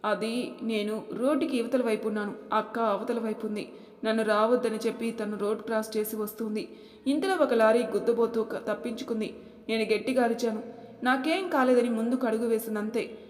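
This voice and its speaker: A grieving young woman, halting and tearful, as a woman storyteller voices her. Her words echo through a roomy space with a lingering reverb. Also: on the high side, fairly even intonation, a little mellow, close to an everyday voice. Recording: echoey room, long reverb.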